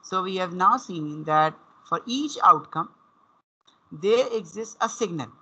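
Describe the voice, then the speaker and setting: Heard through dull, compressed online call audio, a Pakistani-accented man lectures a university class over a computer link, restating ideas and alternating English with Urdu. His voice is high-pitched, husky and sharp, expressive and a little slow.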